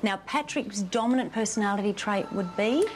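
A woman's voice: mid-range voice, moderate pace, slight background noise. A middle-aged woman hosting a live TV show from a studio set on a lapel mic, asking playful, teasing questions. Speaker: host.

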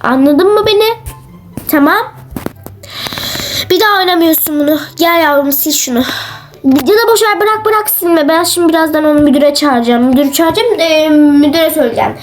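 A woman's voice: sits high, fairly quick, faint music behind, lightly acted. A woman voicing a lazy female teacher who complains of a sore throat while scolding her pupils in a comic role-play. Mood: whiny scolding. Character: lazy grumbling woman teacher pretending to be sick.

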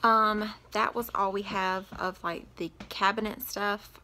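A young woman talking through her pantry in a casual home vlog. She sounds chatty and practical, trailing her advice with ums. Steady background noise sits under her voice. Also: mid-range voice, measured pace. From American South. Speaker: vlogger. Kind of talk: casual grocery haul vlog. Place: home kitchen, indoors.

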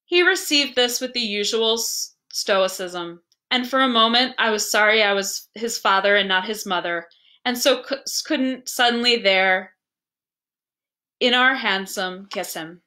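With a lively, higher-register voice, a female librarian reads a tale aloud in a deliberate, bookish style that stays expressive throughout.

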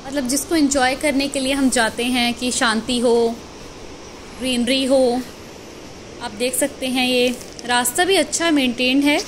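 A travel vlogger walks a mountain trail near a waterfall, cheerfully pointing out the sights to her viewers. Her voice is high-pitched and steady in tone. The audio is poor, recorded outdoors on a phone, with rushing water in the background.

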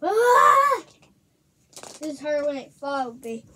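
High-pitched slow-talking young unboxing vlogger. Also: fairly bright tone. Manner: chatty, easily distracted, talks to the viewers. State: slightly hoarse. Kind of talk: casual unboxing commentary.

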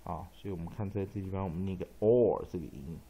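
A man teaching English pronunciation in a phonics lesson, speaking Taiwanese-accented Mandarin, spelling out letters and repeating rules, with frequent drawn-out fillers. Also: low-pitched, vocal fry, warm tone, muffled recording.

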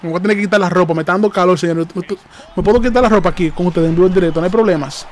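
A man hosting a live reaction stream, excitable and hyped, repeating phrases and calling out to his viewers. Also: sits high, very fast, a little hiss or hum.

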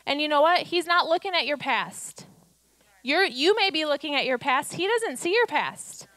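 A woman's voice: high-pitched, lively intonation, moderate pace, a bit bright, no echo. A woman in her thirties preaching a sermon on a church stage into a handheld mic, urging her listeners with rhetorical questions. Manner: exhortative, rhetorical questions, acts out quotes.

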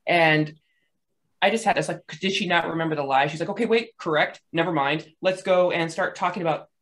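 A woman's voice: lowish voice, brisk, fairly bright tone. A woman panelist casually analyzing a clip on a video call, chatty and acting out the quotes she describes. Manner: chatty, laughing, acts out quotes. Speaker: body language panelist.

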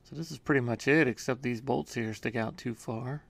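Creaky and a bit bright, the medium-pitched voice of this home workshop maker moves at a moderate pace. He narrates his own workshop build casually, explaining every step plainly and hesitating a little.

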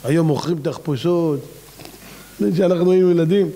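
A man, a rabbi, preaching a fiery sermon and firing off rhetorical questions with big swings in pitch. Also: warm tone, a little hiss or hum.

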